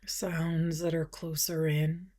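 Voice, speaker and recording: A woman meditation teacher guides a practice in a low, gentle, soft voice with little pitch movement. She takes unhurried pauses and sometimes sounds breathy.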